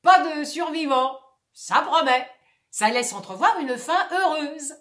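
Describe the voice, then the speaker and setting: A woman's voice: high voice, animated, slow pace, fairly bright tone, pitched above the performer's own voice, heavily acted. A woman voicing a mocking theatre audience with sarcastic, jeering remarks. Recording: roomy echo.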